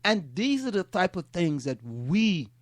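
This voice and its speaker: A man from Trinidad hosting a casual talk show, an animated storyteller who acts out what others say into a studio microphone. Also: high-pitched, a little slow, no echo. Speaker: host.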